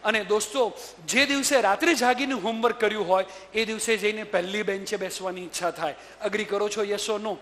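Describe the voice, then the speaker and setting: A man with a very high voice addresses a roomful of students as a motivational trainer. His tone is bright and forceful, and he keeps pressing the audience for a yes or no. The sound carries a long reverb from the hall. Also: steady tone, fairly quick. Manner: rhetorical, keeps asking the audience to agree.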